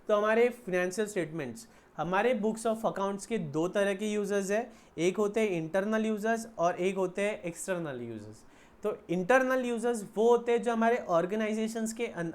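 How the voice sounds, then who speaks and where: A man with an Indian accent teaching an accounts lecture, asking the class questions and answering them himself. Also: sits high. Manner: explains slowly in mixed Hindi and English, asks and answers own questions.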